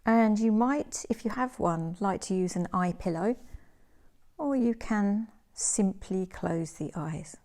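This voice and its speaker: In a mid-range voice, a yoga teacher leads a guided relaxation. Her speech is soft and calming, set out in measured phrases separated by pauses.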